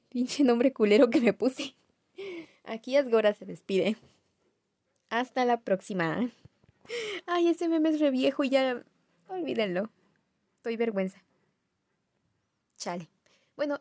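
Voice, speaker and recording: A woman's voice: a little high, dark tone, no echo. A young woman with a Mexican accent, casually telling a family story to viewers, chatty and self-mocking. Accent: Mexican Spanish. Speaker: vlogger.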